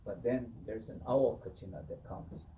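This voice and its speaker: A man telling a traditional story in an animated way, often saying "you know". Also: mid-range voice, normal speed, slight background noise. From Hopi. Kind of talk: oral storytelling. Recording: distant mic with faint ambience.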